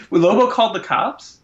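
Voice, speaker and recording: A man's voice: high voice, a bit bright. A man chatting casually as a podcast co-host over an internet call. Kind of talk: casual chat. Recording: dull, lo-fi internet call audio.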